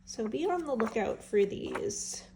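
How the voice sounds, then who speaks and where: A vintage seller with a stuffed-up nose chats enthusiastically in a casual show-and-tell vlog, showing off books from an estate sale haul and musing aloud with fillers. Her voice is fairly high with lively intonation and a moderate pace, against background noise.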